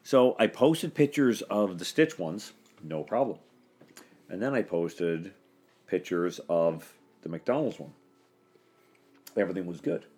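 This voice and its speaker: Deep-voiced joking man. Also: animated, a little slow, long pauses, a little mellow, breathy edge. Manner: joking, laughs often. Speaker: podcast host. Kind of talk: casual chat.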